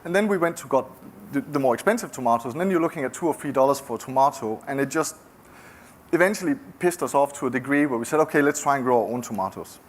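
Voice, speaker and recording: A middle-aged Danish man with a Danish accent gives a conference talk as a founder, speaking in a mid-range voice with slight background noise. His delivery is conversational but halting, full of restarts.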